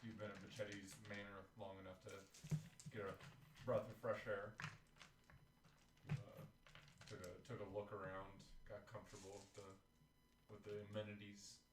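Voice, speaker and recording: A man's voice: fairly low pitch, level tone, normal speed, long pauses. A man running a tabletop game session as game master, talking casually and bluntly with laughs. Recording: echoey room, distant mic, background noise.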